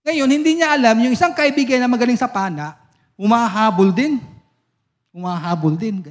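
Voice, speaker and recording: A man's voice: extremely high pitch, moderate pace. A male pastor preaching a sermon at a church service, telling stories with a laugh and asking the congregation for amens. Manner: lively storytelling, laughs often, asks the congregation for amens.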